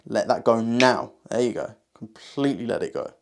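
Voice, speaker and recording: A man with a medium-pitched voice speaks as a hypnotist. His delivery is slow and soothing, with repeated phrases and pauses that guide the listener into relaxation. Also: vocal fry, background noise.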